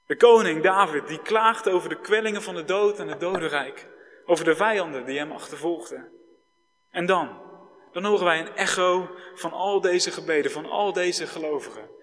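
A man preaching a sermon slowly and solemnly, with long pauses. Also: sits high, a little hiss or hum. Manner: slow, solemn preaching with long pauses, switching between formal and informal address. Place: church hall. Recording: reverberant church hall.

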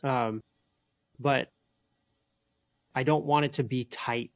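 A man's voice: medium pitch, fairly even intonation, slow, no echo. Man thinking aloud in dry-sounding shop talk. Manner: thinks aloud through his work plan. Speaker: machinist making folding knives.

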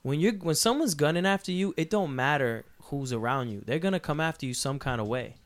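A man's voice: fairly high pitch, expressive, a little fast. A man from Puerto Rico who is a guest on a podcast. He talks in a casual, emphatic, profane way and lays out his views at length.

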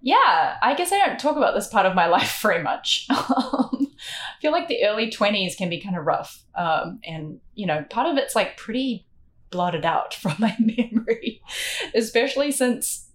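A woman's voice: mid-range voice, expressive, normal speed. A woman with a New Zealand accent chatting as a podcast guest, giggly and full of fillers. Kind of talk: casual podcast chat.

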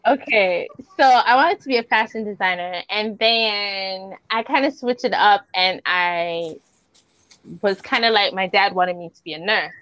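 A woman's voice: mid-range voice, a little slow, fairly bright tone, no room sound. A woman hosting a podcast in casual chat, speaking informally with slang and swearing. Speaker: podcast host. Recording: slightly dull lo-fi audio.

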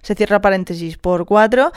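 A woman's voice: medium pitch, normal speed, clear, resonant tone, no echo, clean studio sound. A woman in her thirties from Catalonia, with a Catalan accent, chatting casually through a quiz, reading questions aloud and dropping English slang. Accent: Catalan Spanish. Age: 30s. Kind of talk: casual chat while doing an online quiz.

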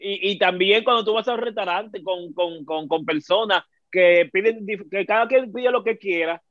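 A man's voice: sits high, normal speed, no echo. Man on a tinny line. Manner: talks in long run-on turns, exclaims religious oaths. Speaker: panelist. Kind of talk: casual group chat. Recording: tinny phone-like radio sound.

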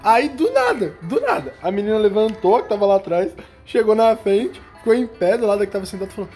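A young adult, telling a school story in a casual, slangy, animated way. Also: medium pitch, fast talker, faint music behind. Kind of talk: casual chat.

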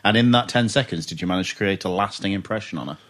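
A man's voice: low-pitched, fast, fairly bright tone. Teasing male podcast host. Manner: teasing, jokey. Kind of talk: casual podcast chat.

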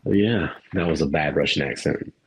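Speaking at normal speed with an extremely low, breathy voice, an adult father co-hosts a podcast over poor audio. He rambles casually about a movie, laughing and swearing from time to time.

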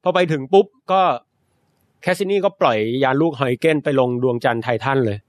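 A man's voice: medium pitch, lively intonation, fairly quick, dry recording. A young Thai man co-hosting a podcast, casually explaining science news in a chatty, explanatory way. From Thailand. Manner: explanatory, chatty, adds polite particles.

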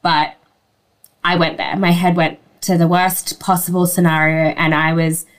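A woman with a slightly low voice talks as a guest sharing a personal story. Her delivery is candid and informal, conversational in wording and sprinkled with "like" and "you know". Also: flat delivery, unhurried. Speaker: interview guest.

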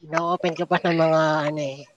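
A performer voicing a nasal-speaking comic podcast character through voice-changing software, talking with a muffled speech impediment. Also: medium pitch, level tone, normal speed. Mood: bashful. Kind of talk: comedic podcast banter. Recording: noisy clicking background.

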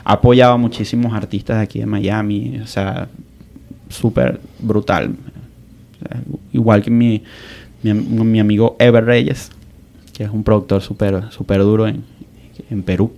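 A man's voice: on the low side, little pitch movement, a little slow, vocal fry, pauses often, warm tone. A man, a musician guest on a podcast, rambling in casual chat with many restarts.

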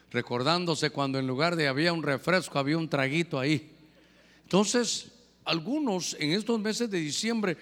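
High, bright-voiced preaching man. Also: long reverb tail. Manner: animated preaching, questions to the congregation. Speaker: pastor. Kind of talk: sermon.

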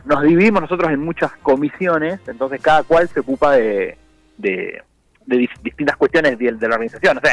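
A man's voice: mid-range voice, no echo, rough recording. Male guest, easygoing rambler, dry sound with faint music. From Argentina. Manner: relaxed, rambling, many fillers and restarts. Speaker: murga member, guest. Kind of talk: casual phone interview.

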